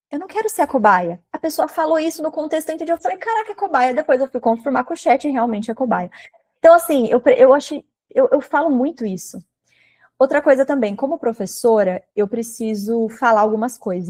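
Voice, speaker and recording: A woman from Brazil teaching English in a live online class, chatty and animated, speaking straight to her viewers. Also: a little high. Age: adult with a daughter.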